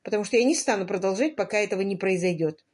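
A woman's voice: medium pitch, rapid-fire, close to an everyday voice. A woman voicing a drawling, scheming young woman. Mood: commanding. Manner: monotone, drawling. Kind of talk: audiobook character voice.

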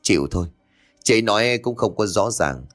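A man voicing a middle-aged husband and father who talks in a hurried, reassuring way. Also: on the low side, lively intonation, a bit bright, soft background music.

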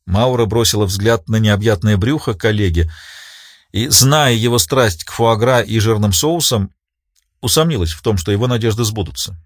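A man narrating a crime novel audiobook in an even, measured reading. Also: fairly low pitch, no echo, studio quality.

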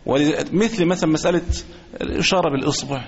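A man with an Egyptian accent teaching a religious lesson as a sheikh, speaking deliberately and repeating his phrases. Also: a little high, gravelly, husky. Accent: Egyptian Arabic. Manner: deliberate, repeats phrases, chants quoted takbir slowly. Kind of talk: religious lesson explaining a book. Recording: echoey hall, dull lo-fi sound.

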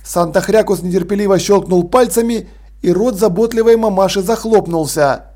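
A man narrating an audiobook in an expressive, lively storytelling manner. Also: sits high, normal speed. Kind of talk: audiobook reading.

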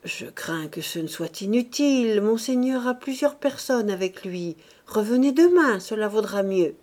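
A woman's voice: fairly high pitch, expressive, moderate pace, a little mellow, lightly acted. A woman voicing a polite young male secretary priest in a slightly raised voice. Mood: polite refusal.

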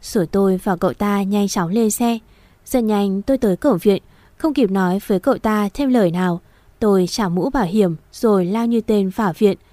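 A woman reading a first-person story in a soft, emotional way. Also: mid-range voice, no room sound. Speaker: narrator.

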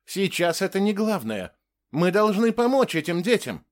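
A man's voice: mid-range voice, animated, moderate pace, natural voice. A man reading an audiobook and voicing an anxious, earnest male doctor who speaks in a raised, eager voice and often hesitates. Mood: pleading. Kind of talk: audiobook character voice.

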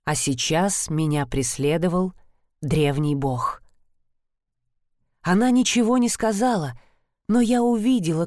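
A woman's voice: mid-range voice, a little mellow, no echo, clean studio sound. A young woman narrating a first-person novel in a dramatic, tense storytelling manner. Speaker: audiobook narrator.

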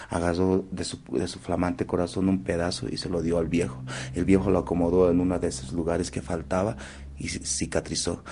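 A man narrating folk tales as a storyteller in an animated, expressive, dramatic way. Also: sits low, vocal fry.

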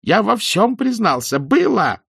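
A man voicing a frightened middle-aged male doctor under interrogation, pleading and breaking into hysterical shouts. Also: on the low side, expressive, normal speed, gravelly, slightly rough, no room sound, clean studio sound, full character voice.

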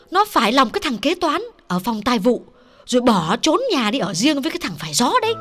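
A man's voice: extremely high pitch, pitched above the performer's own voice. A man voicing a middle-aged official's wife who pleads, chatters and confides a secret.

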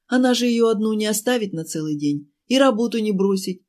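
A woman voicing a chatty, fussing woman who runs a cafe, pleading and talking fast in an audiobook. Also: mid-range voice, expressive, a little mellow, pitched above the performer's own voice, close to an everyday voice. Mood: fussy, pleading. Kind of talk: audiobook character voice.

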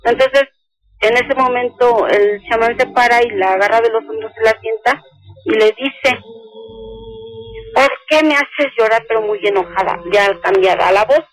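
An older woman calling a radio show, slowly and earnestly telling a personal story and quoting each speaker. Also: a little high, dry recording, rough recording. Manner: slow, earnest retelling that quotes each speaker. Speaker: caller.

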